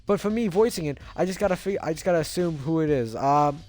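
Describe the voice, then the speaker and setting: A man's voice: a little high, animated, fast, darkish tone. A man playing a video game and commenting casually, with rambling, self-interrupting asides. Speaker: video game let's player. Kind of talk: casual game commentary with character read-alouds.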